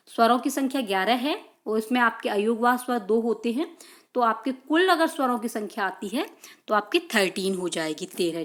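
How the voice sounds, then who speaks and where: Higher-voiced woman teaching grammar. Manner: repetitive, stresses key terms, asks and answers own questions. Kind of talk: exam-prep grammar lesson.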